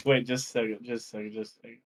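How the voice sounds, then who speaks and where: A friend on voice chat during a gaming stream, giggly and animated, swearing freely. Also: medium pitch, rapid-fire. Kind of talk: casual chat while gaming.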